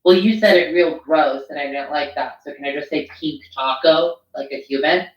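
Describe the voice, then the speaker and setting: A woman co-hosting a casual podcast, rambling and crude in animated banter. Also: sits low, moderate pace, highs cut off. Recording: roomy echo.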